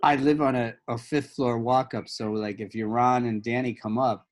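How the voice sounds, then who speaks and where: A man's voice: medium pitch, normal speed. A man hosting a casual show for actors, joking and swearing freely as he tells stories. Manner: joking, profane, animated. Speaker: host. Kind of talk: casual chat.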